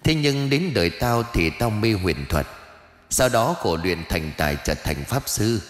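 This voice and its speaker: A man's voice: on the low side, big pitch swings, unhurried, reverberant, long reverb tail, faint music behind. A man voicing a pompous, irritable old male ancestor ghost sorcerer who scolds and boasts in an audiobook. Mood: boastful. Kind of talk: audiobook character voice.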